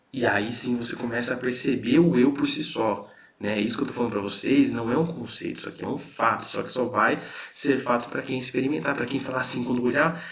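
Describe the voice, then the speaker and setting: A man with a Brazilian Portuguese accent giving a casual spiritual lesson, explaining in a conversational way and often checking in with his listeners. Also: medium pitch. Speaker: spiritual teacher.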